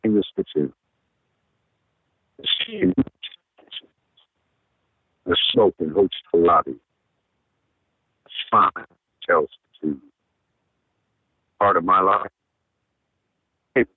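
A very deep, slow-spoken man calls in from Alabama to recite a poem. His voice comes through a thin, tinny phone line that cuts in and out, so words drop and break apart. He reads with long, measured pauses between phrases. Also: slightly rough. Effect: phone line breaking up, cutting in and out. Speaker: caller. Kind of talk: poetry recitation.

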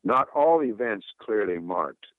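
A man's voice: fairly low pitch, lively intonation, measured pace, dry recording. A man talking over the phone as a caller, cheerful and chatty before reading his poem. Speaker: caller and poet. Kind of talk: cheerful chat and poetry reading. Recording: tinny phone line.

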